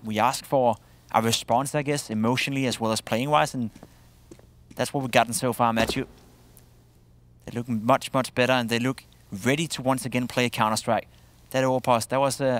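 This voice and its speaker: A man working as an esports caster, commentating and analysing a live video game match. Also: mid-range voice. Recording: gunfire and game noise behind voice. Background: video game gunfire and clicks.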